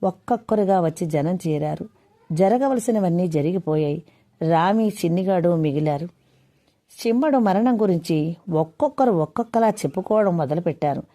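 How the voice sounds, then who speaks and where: A woman author narrating a story in an earnest, expressive reading. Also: lowish voice, normal speed.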